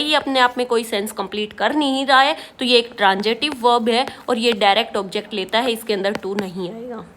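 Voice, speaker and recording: A high-pitched woman with an Indian accent leads an exam-prep vocabulary lesson. She explains words in Hindi, then reads English example sentences slowly and deliberately. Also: bright, forceful tone.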